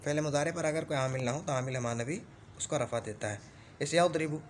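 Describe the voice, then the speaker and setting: Patient male grammar teacher, higher voice. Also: a little hiss or hum. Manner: recites rule lists slowly and repeats them; explains patiently with frequent check-ins. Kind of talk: classroom grammar lesson.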